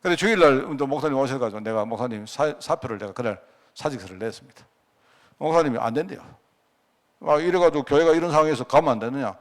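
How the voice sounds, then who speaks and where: A middle-aged pastor with a Gyeongsang accent, telling personal stories in a sermon, with a folksy manner and chuckling asides. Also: male voice, mid-range voice, lively intonation, fast talker. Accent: Gyeongsang Korean. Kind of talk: storytelling sermon. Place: church sanctuary.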